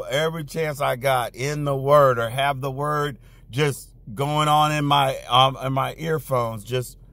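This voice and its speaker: A man's voice: mid-range voice, no echo. A man preaching, telling his own testimony in a conversational, storytelling way, growing fervent at times. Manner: conversational storytelling, many restarts and "you know"; grows loud and fervent when recounting prayer. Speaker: pastor. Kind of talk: sermon testimony.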